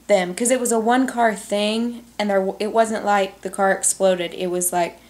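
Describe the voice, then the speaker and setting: A young adult woman vlogger telling a story in a casual, animated way, full of "like"s, recorded at home on a camcorder. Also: mid-range voice, moderate pace. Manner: animated, chatty, many "like"s. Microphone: camcorder on tripod.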